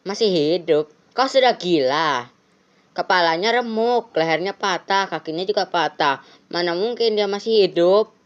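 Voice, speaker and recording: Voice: mid-range voice, moderate pace, lo-fi sound, pitched above the performer's own voice, close to an everyday voice. A game streamer voicing a brusque, impatient male police officer in a horror game, reading his lines aloud in a scolding tone.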